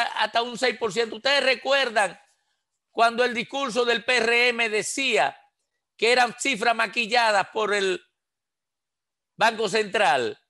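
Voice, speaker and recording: His pitch is extremely high, and his bright tone is forceful. He is a Dominican political commentator in his sixties on a radio panel, speaking by headset on a video call from a small room, impassioned and emphatic, gesturing while he throws out rhetorical questions.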